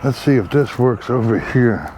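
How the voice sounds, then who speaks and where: A man's voice: mid-range voice, expressive, moderate pace, a little mellow, a little hiss or hum. A man giving a casual, rambling how-to while planting trees outdoors, with many fillers and asides to his viewers, recorded on a camera set down nearby. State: back tightening up, a bit strained. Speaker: tree planting vlogger. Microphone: camera mic, set down nearby.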